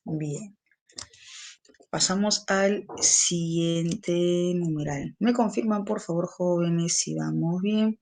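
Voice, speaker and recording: A woman's voice: fairly low pitch, slow pace, creaky, a little mellow. A woman teacher speaks in an online class. She goes over the point patiently, repeats key phrases and checks that her students follow.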